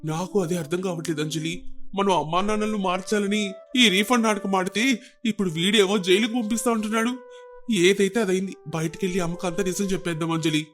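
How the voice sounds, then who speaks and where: A man voicing an anxious grown son pleading with his mother in an animated story. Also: sits high, fairly quick, soft background music. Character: worried grown son, young husband.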